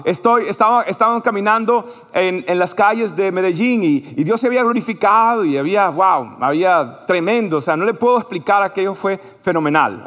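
A man's voice: high voice, fairly bright tone, long reverb tail. A man preaching a sermon as pastor, telling stories animatedly and acting out his own dialogue with God.

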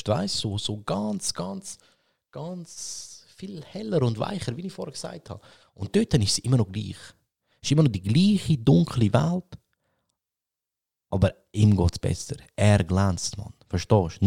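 A young man from Switzerland with a Swiss German accent, talking casually and excitedly about a film, swearing often and repeating words as he goes. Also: medium pitch, creaky, breathy edge. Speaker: podcast host.

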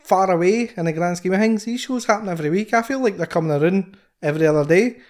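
A man with a Scottish accent co-hosting a podcast, chatting in excitable, rambling banter. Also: high voice, fast. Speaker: podcast co-host. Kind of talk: casual chat.

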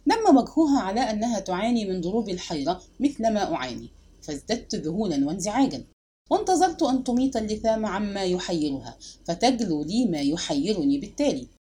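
A woman narrating a literary audiobook with expressive, dramatic storytelling. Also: mid-range voice, quick pace, breathy edge.

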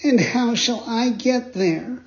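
A man voicing a frightened, eager wooden puppet boy in a high, excited, pleading voice. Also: slow, exaggerated voice. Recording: dull lo-fi sound.

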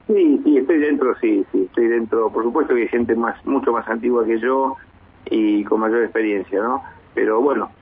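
A man in his fifties from Argentina, a base commander speaking in a measured way, with many hesitations and restarts, in a radio interview by phone. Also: mid-range voice, slightly rough. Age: 50s. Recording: tinny phone line.

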